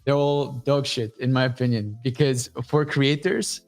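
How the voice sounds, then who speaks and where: A man talking as a guest on a casual livestream show, pitching his startup in a blunt, profane, energetic way. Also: moderate pace, faint music behind.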